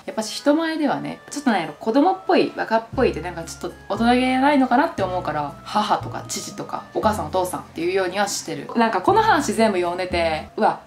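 A young woman with a Kansai accent, chatting casually and teasingly while reading viewer stories aloud. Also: mid-range voice. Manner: chatty, teasing, frequent laughter. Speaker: YouTuber.

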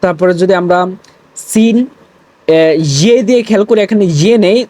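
A man's voice: high-pitched, moderate pace, warm tone, no room sound. A man teaching an Urdu lesson, patiently spelling out letter sounds one by one. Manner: opens with Arabic blessings and greetings. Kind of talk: spoken Urdu lesson for Bengali speakers.

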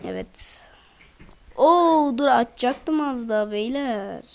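A woman's voice: fairly high pitch, a little slow, darkish tone. A woman chatting casually to viewers over gameplay, constantly addressing them as she plays. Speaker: gaming channel host.

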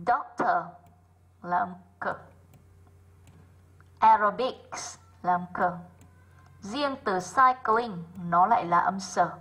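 A woman English teacher, going through worksheet answers in an online class, slowing down to sound out each example word and calling on students by name. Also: medium pitch, a bit bright, low-quality recording. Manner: methodical, slows down to sound out example words.

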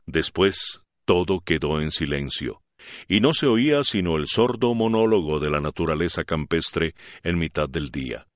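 A man reading a classic novel aloud as an audiobook narrator, in an expressive, dramatic way. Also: rumbling low, moderate pace, no echo, clean studio sound.

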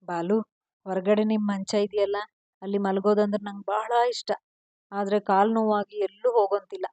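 A woman voicing a shy, affectionate young wife, speaking softly in a storybook reading. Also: mid-range voice, flat delivery, moderate pace, dry recording, dull audio, lightly acted.

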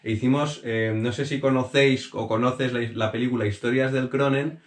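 A man in his thirties from Madrid answers questions in a relaxed, easygoing tone, often agreeing with quick short replies. He is seated on a sofa in a small room, picked up by a camera set a few feet away, so his voice carries a roomy echo. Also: medium pitch. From Madrid, Spain. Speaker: guest youtuber and runner. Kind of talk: casual sit-down interview. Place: small bedroom sitting on a sofa. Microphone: camera on a tripod a few feet away.

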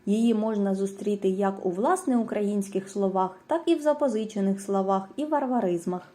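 A woman reading a scripted lesson, going through lists of example words in a clear, measured way. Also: medium pitch, dark tone. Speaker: teacher. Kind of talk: scripted educational narration.

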